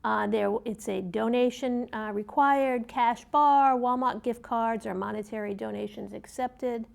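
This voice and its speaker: A woman co-hosting and reading community event announcements in a conversational, slightly halting way. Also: fairly high pitch, steady tone, vocal fry. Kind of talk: conversational announcements, read from notes.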